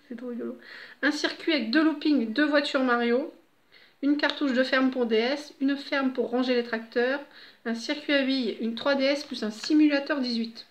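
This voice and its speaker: A woman's voice: high-pitched, fairly even intonation, moderate pace. A middle-aged woman at home, chatting casually and rambling with laughs and fillers. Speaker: vlogger.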